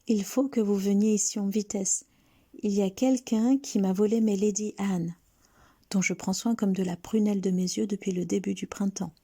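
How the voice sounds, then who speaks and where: A woman's voice: mid-range voice, fairly even intonation, moderate pace, warm tone, close to an everyday voice. A woman voicing a stern yet loving aunt who speaks pleadingly and tenderly to her boy. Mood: upset. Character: proud aunt, stern but loving mother.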